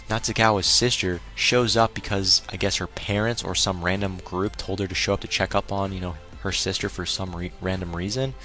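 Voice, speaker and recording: Male anime reviewer with a slightly low voice for a casual recap, exclaims his opinions. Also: fairly bright tone.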